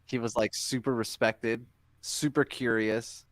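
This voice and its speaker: A man's voice: mid-range voice, steady tone, dry recording. Earnest man on a dry mic. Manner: earnest, preachy, talks about hidden truths, sometimes fast. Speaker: podcast co-host. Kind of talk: casual chat.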